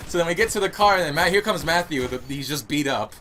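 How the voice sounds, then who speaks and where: A man's voice: a little high, animated, fast, sharp tone, slight background noise. A young man hosting his gaming channel, chatting through a casual Q&A in a rambling, laughing way, recorded at home. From United States. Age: young adult. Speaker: YouTube gaming channel host. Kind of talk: casual Q&A monologue.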